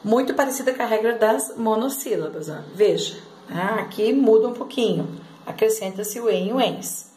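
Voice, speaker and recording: A woman's voice: a little high, moderate pace, mellow. Patient woman teacher in an echoey room. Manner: explains step by step, often checks with "tá?" and "né?". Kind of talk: grammar lesson for students.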